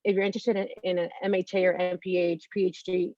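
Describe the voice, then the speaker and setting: A woman's voice: on the low side, flat delivery, quick pace, warm tone, no room sound, muffled recording. A woman from California, speaking earnestly as a graduate student panelist and giving advice. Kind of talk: casual panel answer.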